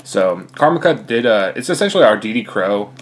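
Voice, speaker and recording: A man's voice: lowish voice, big pitch swings, fairly quick. A young man, slightly out of breath, casually talking through his card deck with lots of fillers. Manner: rambling, many fillers. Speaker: card game player.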